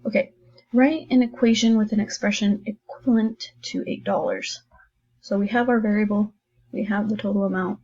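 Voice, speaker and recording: A woman teacher talks her class through a math lesson in a recorded distance-learning video, chatty and encouraging, and thinks aloud as she writes. Her mid-range voice is a little mellow and fairly even in intonation at a moderate pace, and the highs are cut off.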